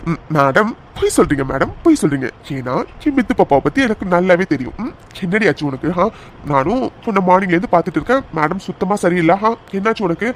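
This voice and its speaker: Someone voicing Aadhi, a teasing, lively young lover. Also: medium pitch, slight background noise, lightly acted. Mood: affectionate. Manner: teasing, affectionate, quick. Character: playful young man in love, teasing. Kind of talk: animated cartoon dialogue.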